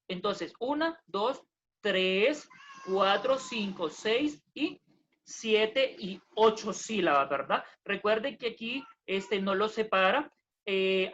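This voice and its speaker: A woman's voice: mid-range voice, a bit bright. A woman teaching a recorded lesson in a patient, plodding way, going over points twice and stopping to check with short questions. Her voice sits in a middle range, and the recording sounds dull and lo-fi. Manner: patient, repeats herself, tag questions, self-corrections. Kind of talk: recorded lesson explaining poetry meter.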